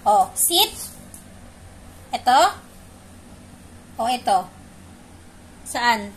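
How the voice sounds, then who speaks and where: A woman's voice: fairly high pitch, expressive, very slow. A woman playfully teasing her pet dog, repeating short commands and questions in a coaxing way. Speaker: pet owner.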